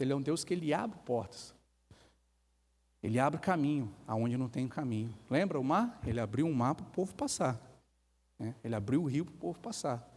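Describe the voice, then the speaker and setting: A man's voice: medium pitch, darkish tone. A man with a Brazilian Portuguese accent preaching a sermon to his church, emphatic and full of rhetorical questions, now and then acting out the voices of people he quotes. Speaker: pastor. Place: church hall. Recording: reverberant church hall.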